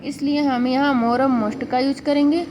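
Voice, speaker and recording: A woman teaching grammar in an exam-prep video lecture, speaking slowly, sounding out syllables one by one and restarting words as she corrects herself. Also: high-pitched, steady tone, background noise. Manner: slow, explanatory, repeats words while correcting herself.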